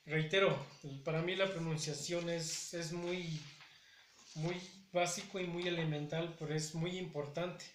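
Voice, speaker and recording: A man gives a language lesson, patiently repeating each word. His voice sits a little high and moves very slowly. The recording carries a noticeable room echo. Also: flat delivery, fairly bright tone, a little hiss or hum. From Puebla, Mexico. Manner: patient, repeats words slowly to show pronunciation. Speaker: Nahuatl language teacher. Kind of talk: spoken language lesson to camera. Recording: echoey room.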